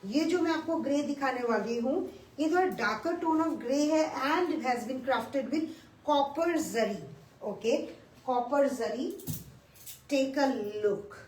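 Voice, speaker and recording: A woman with a high, animated voice pitches sarees during a live sales stream, speaking slowly and enthusiastically in mixed English and Hindi and repeating the key points. She's far from the mic, so the echoey room and faint noise come through.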